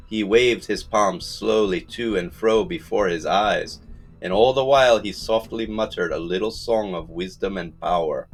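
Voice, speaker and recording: Slow deep-voiced male storyteller. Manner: measured, storytelling. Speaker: audiobook narrator. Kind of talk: scripted narration.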